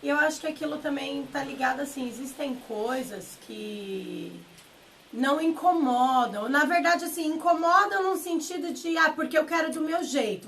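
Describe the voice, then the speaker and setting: A woman in her thirties from Paraná, a pastor with a Paraná Brazilian Portuguese accent, talking in a casual, expressive way in an office. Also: high-pitched, a little hiss or hum. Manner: talkative, expressive, laughs easily. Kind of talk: casual chat. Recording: voice a bit far from the mic.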